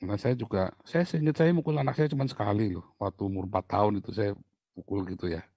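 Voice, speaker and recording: A middle-aged man preaching a sermon as pastor, lively and colloquial, jumping from loud exclaims to low asides, with playful sound effects. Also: fast, no room sound.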